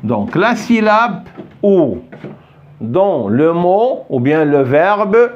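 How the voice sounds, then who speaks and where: A male French teacher addresses his class with a slightly high voice that swoops up and down. He talks slowly and patiently, repeats words over and over, and keeps asking if the pupils follow. A faint hum of the room sits behind him. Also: big pitch swings, lo-fi sound. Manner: patient, repeats words and checks understanding often. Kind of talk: classroom lesson. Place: classroom with a board.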